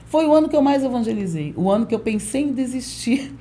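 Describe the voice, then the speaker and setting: A woman pastor in her forties, a podcast guest telling a lively testimony and acting out the voices of people in it. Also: on the high side, fast talker. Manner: lively storyteller who acts out quoted voices. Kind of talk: storytelling testimony in a podcast interview.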